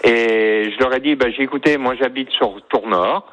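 A man's voice: mid-range voice, normal speed, a bit bright, dull audio. A plain-spoken man from France chatting as a radio contestant, telling a story a bit hesitantly. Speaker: game show contestant. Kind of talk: casual chat, telling an anecdote.

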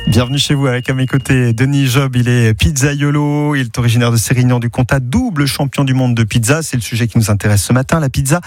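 A man presenting a local morning radio show. He sounds friendly and chatty as he talks with a guest and a caller. His voice sits at a middle pitch, with soft music underneath. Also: fairly even intonation, fast, few pauses. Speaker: radio host.

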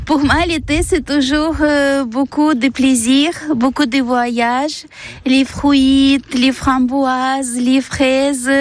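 A young woman with a Ukrainian accent speaks in a high, unhurried voice, searching for words in French that isn't her first language. Her answers are halting and simple, with a faint hum of traffic around her on the street. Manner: hesitant, halting non-native French with laughs. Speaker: interviewee. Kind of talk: street interview.

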